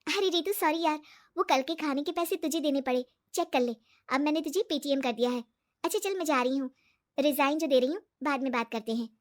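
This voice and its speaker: A woman's voice: high-pitched, a little fast, natural voice. A woman voicing a cheerful, trusting young woman who works in an office.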